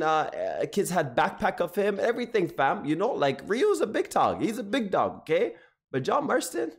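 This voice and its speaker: An animated young man talks casually to his live-stream audience, reacting and repeating phrases. His voice sits a bit high and swings widely in pitch.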